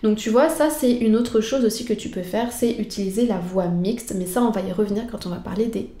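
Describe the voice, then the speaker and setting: A woman's voice: medium pitch, a little fast, mellow, reverberant. A woman singing teacher patiently explaining vocal technique straight to the viewer.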